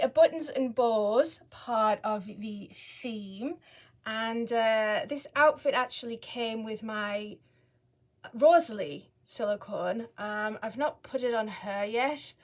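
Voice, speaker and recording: Chatty, higher-voiced woman vlogging. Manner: chatty, rambling, apologetic. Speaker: doll collector vlogger, channel host. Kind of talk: casual chatty vlog to viewers. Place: indoors at home in daylight. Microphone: camera on a tripod at a short distance.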